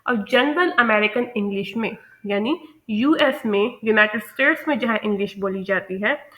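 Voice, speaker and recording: Bright-voiced woman teaching pronunciation. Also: mid-range voice. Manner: explains step by step, with frequent "okay" check-ins; slow, deliberate English terms. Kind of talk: explaining a lesson over slides.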